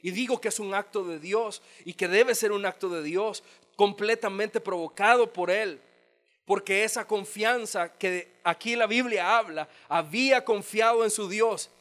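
A man's voice: high-pitched, unhurried, a bit bright. A male pastor from El Salvador, preaching a sermon in a church auditorium and acting out biblical dialogue as he tells the story.

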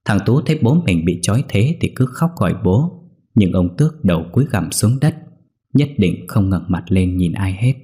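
A man narrates a ghost story in a steady, grave manner. His voice is low and deep, with a dark, mellow tone. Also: normal speed. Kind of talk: scripted horror story narration.

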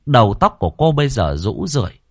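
A man narrating a ghost story in an expressive, dramatic way, close to the microphone. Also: medium pitch, fast talker, husky, no room sound.

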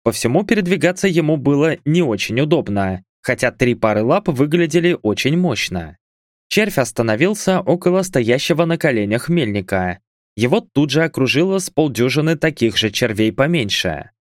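Man, audiobook narrator, first-person fantasy, wry asides, animated pitch, dry studio sound. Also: normal speed, no echo.

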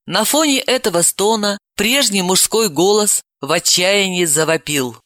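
Bright-voiced male audiobook narrator. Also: high-pitched, unhurried, no room sound. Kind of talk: scripted narration.

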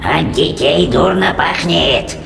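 A man voicing a cruel old witch queen in an audiobook, shrill and snarling. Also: fairly bright tone, soft background music, exaggerated voice. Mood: shrill ranting. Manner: slow, menacing and gravelly. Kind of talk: audiobook character voice.

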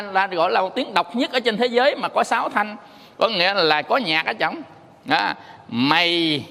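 Gravelly-voiced monk in a reverberant hall. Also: male voice, sits high, bright, forceful tone. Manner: storytelling, sings tone syllables playfully. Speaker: Buddhist monk teacher. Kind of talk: dharma talk with stories.

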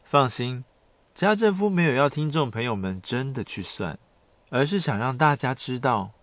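A middle-aged man hosting a podcast, narrating a script in a soft, intimate pillow-talk manner, like bedtime storytelling. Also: medium pitch, animated, normal speed, dry recording. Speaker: podcast host.

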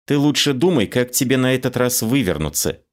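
A sharp-tongued young policewoman with a clipped, snappish delivery, as a male reader puts her on. Her voice sits well above the narrator's deep tone. It stays curt and impatient throughout this audiobook reading. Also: normal speed, close to an everyday voice. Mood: irritated.

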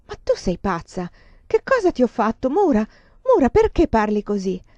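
A woman's voice: on the high side, normal speed, mellow, no room sound, lightly acted. A woman reading a storybook who voices a desperate, possessive male suitor, speaking with impassioned pleading and command. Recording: dry, slightly dull lo-fi recording.

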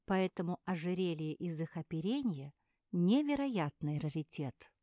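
A woman's voice: on the low side, measured pace, mellow, no echo, studio quality, close to an everyday voice. A woman voicing a bossy older pug sister who lectures and reproaches in a know-it-all way. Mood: lecturing.

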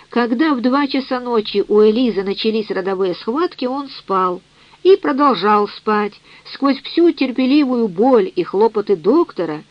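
A woman reads a novel aloud at an even, measured pace. Her voice sits close and dry on the mic. The audiobook recording is slightly dull. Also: mid-range voice, no echo. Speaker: narrator.

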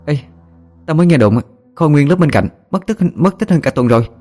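Man doing a high chattering schoolgirl. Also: brisk, faint music behind. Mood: excited. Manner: excited, chattering. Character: young female gossipy high school student.

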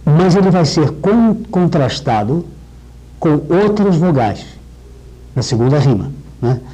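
Husky middle-aged man lecturing on poetry. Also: fairly high pitch, very animated, dark tone, poor audio. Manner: discursive, with restarts, slows down to recite verse. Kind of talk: literature lecture with poem readings.

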